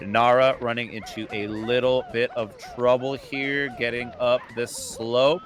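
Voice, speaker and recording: A man's voice: mid-range voice, level tone, a little slow, fairly bright tone, soft background music. A young man giving casual live speedrun commentary in a laid-back, slangy, rambling way.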